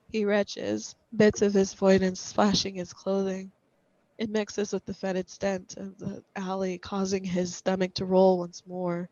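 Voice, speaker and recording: A woman reading a scripted horror story aloud in a measured, suspenseful way. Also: mid-range voice, gravelly, darkish tone, no room sound, muffled recording.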